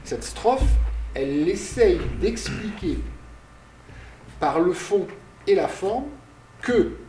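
Slow, roomy lecture by a man. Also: high-pitched, expressive, dark tone, faint music behind. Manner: slow, explanatory, asks and answers his own questions; directs slide changes aloud. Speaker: university lecturer. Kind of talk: public lecture. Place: lecture hall. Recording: roomy, distant lecture hall recording.

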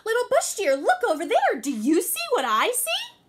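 A woman voicing a lazy, scheming male spider trickster who turns shrill and insistent in a storybook read-aloud. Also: huge pitch swings, normal speed, full character voice. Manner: shrill, insistent, shouting when crossed.

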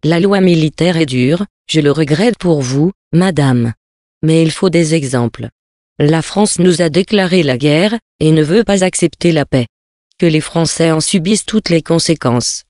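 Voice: medium pitch, a little slow, a little mellow, dry recording, close to an everyday voice. Stern officer, clipped and unbending, voiced by an audiobook reader, dry sound. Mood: cold, stern. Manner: curt, clipped commands. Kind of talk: audiobook reading of a novel.

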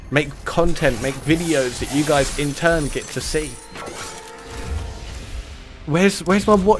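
Excitable young man opening loot. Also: medium pitch. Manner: excitable, chatty, jumps to loud cheers. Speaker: gaming YouTuber. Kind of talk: casual commentary opening loot packs.

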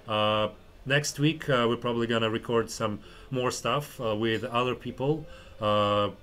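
A man's voice: medium pitch, a little slow, fairly bright tone, a little hiss or hum. A man from Russia with a Russian accent hosting a casual chat, hesitant, rambling and given to swearing. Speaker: podcast host, stand-up comedian.

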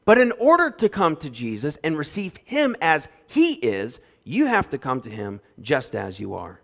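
A man in his thirties preaching a sermon on a church stage through a headset mic, swinging between loud emphasis and quiet asides. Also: on the high side, wildly swooping pitch, moderate pace, gravelly. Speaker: pastor. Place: church stage with windows behind.

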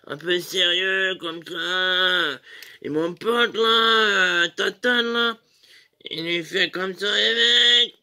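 High, gravelly man rambling a bar story. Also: pushed and bright. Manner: rambling, slangy, crude, full of fillers. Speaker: comedian. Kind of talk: comedic bar anecdote.

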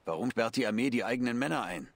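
A man voicing a calm grown protector hero in a German game dub. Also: mid-range voice, very fast.

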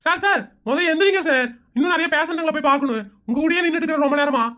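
A woman's voice: high voice, a bit bright. A woman voicing an impatient cartoon doctor. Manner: brisk, impatient. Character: impatient male ambulance doctor.

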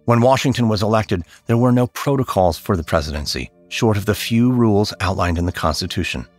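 Low-voiced man narrating history. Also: breathy edge. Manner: measured, solemn storytelling. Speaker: podcast narrator. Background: faint background music.

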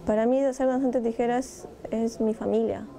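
A young woman, a scissors dancer, speaking in an interview in a thoughtful, halting way with many fillers, recorded indoors on a lapel mic. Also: a little high, fairly even intonation, vocal fry, mellow, a little hiss or hum. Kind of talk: interview testimony. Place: indoor room with instruments.

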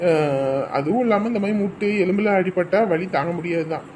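A man's voice: high voice, brisk, a little mellow, a little hiss or hum, close to an everyday voice. A man playing a fussy doctor who soothes an old patient in a comic sketch. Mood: soothing. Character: bumbling village doctor.

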